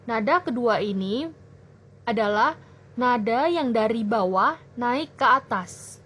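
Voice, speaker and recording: A young woman tutoring children in a language lesson, explaining clearly and patiently. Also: on the high side, fairly bright tone. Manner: slow, clear teacherly explaining. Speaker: Mandarin tutor.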